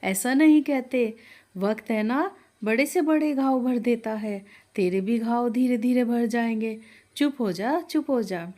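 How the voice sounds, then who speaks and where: A woman with a slightly high, mellow voice speaks unhurriedly, acting lightly as a kind, motherly aunt in a storybook tale. She soothes and reassures a crying girl, comforting but firm.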